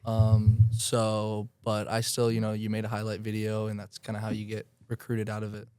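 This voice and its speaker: Smooth-voiced young man answering casually. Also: on the low side, completely flat delivery, normal speed, a little mellow, no echo. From Florida, United States. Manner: casual, filler-heavy answers with restarts. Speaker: guest soccer player.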